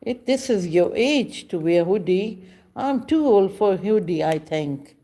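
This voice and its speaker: A woman, chatting casually with viewers on a livestream in slow, halting speech with many pauses. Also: medium pitch, lively intonation, mellow. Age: 50s. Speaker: livestream host. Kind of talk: casual live chat with viewers.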